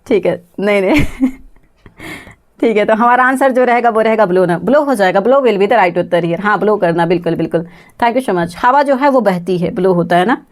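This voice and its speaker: A woman's voice: mid-range voice, a little fast. Woman teaching a live English class. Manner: reads chat names, asks class for answers, laughs often; spells words letter by letter. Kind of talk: live online exam-prep class.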